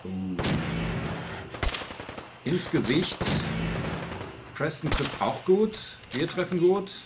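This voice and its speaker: A man giving live gameplay commentary, talking to himself and jumping into shrill bursts of panic. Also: drawn-out words, very noisy. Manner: excitable, talks to himself, jumps up to shrill panic. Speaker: let's play host.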